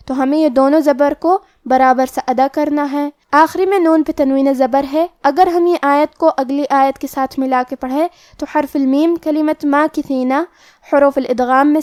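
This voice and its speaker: A woman teaching Quran recitation, explaining tajweed rules slowly and carefully, step by step. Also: high-pitched, darkish tone, no room sound, clean studio sound. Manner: slow, careful step-by-step instruction.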